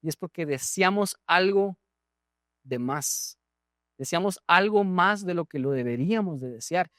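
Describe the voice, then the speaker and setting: A man's voice: high voice, animated, unhurried, a bit bright, no room sound, studio quality. A male pastor with a Guatemalan Spanish accent preaching a sermon, asking the congregation questions and often repeating words. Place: church.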